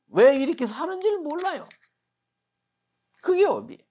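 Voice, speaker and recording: A male Buddhist monk giving a dharma talk, telling it vividly with rhetorical questions and acted-out quotes. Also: sits high. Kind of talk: sermon.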